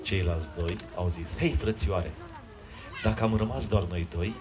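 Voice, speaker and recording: A man, a children's magician, telling a comic story on stage and teasing the audience. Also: sits low. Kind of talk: live comedic storytelling to a crowd. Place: outdoor stage at a water park. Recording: noisy live crowd.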